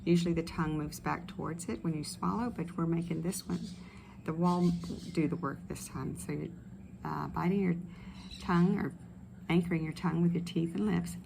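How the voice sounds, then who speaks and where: A woman speech pathologist leading voice and swallowing exercises in a relaxed, explanatory way with many fillers. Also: fairly low pitch, normal speed, gravelly, background noise. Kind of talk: instructional exercise video. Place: outdoors in a tropical setting. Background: ambient outdoor sounds with birds.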